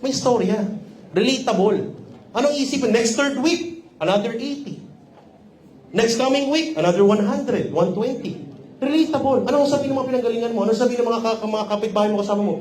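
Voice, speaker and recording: A man's voice: extremely high pitch, fairly quick, a little mellow. A man with a Filipino accent giving a sales training seminar, teasing and often checking that the audience is following. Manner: teasing, keeps checking in with the crowd. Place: company office training room. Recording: echoey room.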